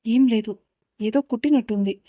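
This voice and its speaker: A woman reading out a sharp-tongued young wife who scolds her younger sister. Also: on the high side, normal speed, dry recording, muffled recording, lightly acted. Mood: irritated.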